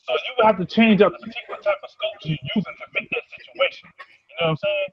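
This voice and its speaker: A man talking on a phone that makes him sound hollow, as if through a tube. The line is dull and lo-fi and keeps cutting out. His voice sits a little high for a man, and he swears freely in a relaxed chat. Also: quick pace, breathy edge. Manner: loose, profanity-heavy, keeps asking "you know what I'm saying". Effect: muffled hollow sound, like talking through a tube. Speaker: podcast co-host. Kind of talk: casual gaming chat.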